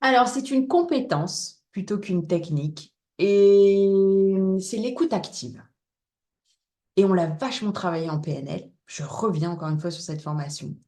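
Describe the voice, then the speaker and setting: A woman's voice: on the low side, unhurried, warm tone, echoey room. A woman coach from northern France, chatting candidly as an interview guest and laughing easily. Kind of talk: casual interview chat.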